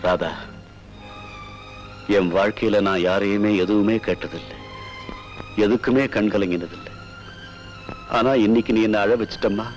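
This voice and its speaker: A man's voice: lowish voice, steady tone, unhurried, pauses often, soft background music, natural voice. An actor playing an ailing older father-in-law who speaks in an earnest, pleading way. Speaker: head of the family, father-in-law. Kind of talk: film drama acting.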